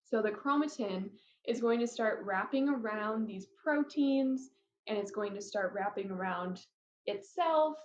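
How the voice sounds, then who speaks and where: A woman teacher talking casually through lecture slides, with chatty, apologetic asides and a somewhat flat, robotic-sounding delivery. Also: a little high, unhurried. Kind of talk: recorded lecture over slides. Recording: roomy, dull lo-fi mic.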